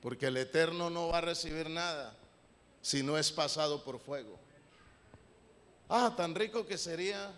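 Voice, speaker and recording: A man preaching a sermon, theatrical, swinging from shouts to mocking asides. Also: on the high side, normal speed, pauses often. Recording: long hall reverb with loud music. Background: music.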